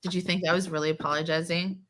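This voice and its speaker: A woman's voice: fairly low pitch, flat delivery, quick pace, noisy background. A woman from Florida co-hosting a podcast, swearing and teasing her friends as she rambles through stories. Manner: crude, teasing, rambling storyteller. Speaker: podcast co-host. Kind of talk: casual banter.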